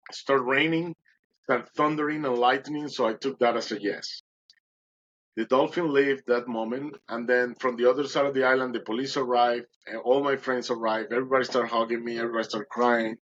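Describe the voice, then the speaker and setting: A man's voice: medium pitch, steady tone, moderate pace, a bit bright, dull audio. A man, a podcast guest, telling his personal story in an earnest, emotional way and often restarting his sentences.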